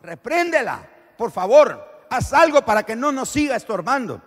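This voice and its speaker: A man's voice: very high voice, sing-song, normal speed, pitched above the performer's own voice, heavily acted. Irritated disciples grumble in a whiny, raised voice, put on by a male preacher. Their complaints come out exasperated and a little nasal. The sound echoes with a long church-hall tail. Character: impatient complaining disciples, grown men.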